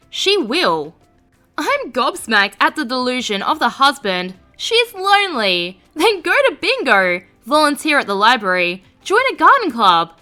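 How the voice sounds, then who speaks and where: Lively high-voiced woman reading stories. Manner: expressive, sarcastic commentary. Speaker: narrator. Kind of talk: reading reddit stories aloud.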